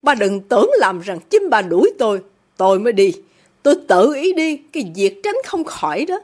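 A woman voices a proud young woman turning on her rich father. She speaks coldly and bitterly, her high voice leaping with scorn. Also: sing-song, normal speed, darkish tone. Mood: defiant. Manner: cold, defiant, bitter.

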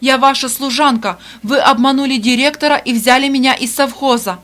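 A woman's voice: sits high, fairly even intonation, brisk, fairly bright tone, voice pushed up. A woman reading an audiobook voices a mistreated young servant girl who answers back indignantly. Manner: indignant, defiant, pleading. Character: mistreated teenage servant girl, defiant and hurt.

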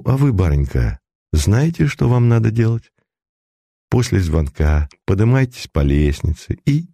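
A man voicing a shrewd middle-aged male detective who gives brisk, decisive, grumbling orders in a storybook reading. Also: low-pitched, warm tone, dry recording, clean studio sound, heavily acted.

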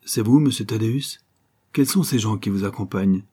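A man voicing a gruff, broad-shouldered male porter, a former wrestler, curt and stubborn, in an audiobook reading. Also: lowish voice, moderate pace, dark tone. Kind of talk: audiobook character voice.

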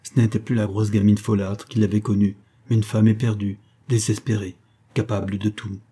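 A man reads a classic novel aloud in a steady, measured storytelling manner. His voice sits low, dark and mellow. It carries a slight husk. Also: husky. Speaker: audiobook narrator. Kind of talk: literary audiobook reading.

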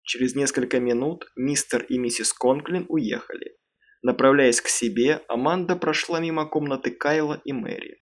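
A man reads a suspense novel aloud in a calm, measured storytelling voice. His pitch sits in the middle range for a man. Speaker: audiobook reader. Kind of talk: audiobook narration.

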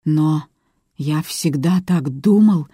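A woman's voice: lowish voice, steady tone, a little slow, a little mellow, no room sound, studio quality. A woman voicing a young male house manager who asks hesitant, hurt questions. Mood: bewildered.

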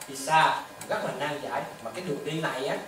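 A Buddhist monk giving a dharma talk to lay followers, with repetitive, animated storytelling and rhetorical questions. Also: medium pitch, fast, noisy background. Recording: echoey hall, distant mic, faint ambience.

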